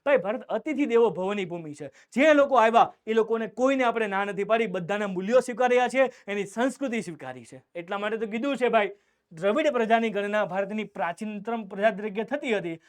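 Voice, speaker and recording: A young man with a Gujarati accent teaches an online class in a high, clear, resonant voice, talking a little fast. He poses questions and answers them himself, and he calls his viewers "beta".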